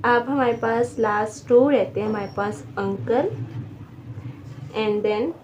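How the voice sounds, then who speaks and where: A woman teaching a beginner vocabulary lesson, repeating each word slowly and spelling it out syllable by syllable. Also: a little high, a little mellow, slight background noise. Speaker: language teacher.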